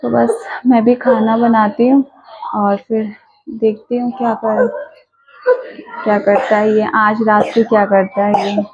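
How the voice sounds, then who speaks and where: Woman, higher voice, casual home vlog, weary, dull lo-fi sound. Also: flat delivery, measured pace, a little mellow, slight background noise. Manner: weary, soothing a sick child. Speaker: mother vlogging at home. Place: home kitchen.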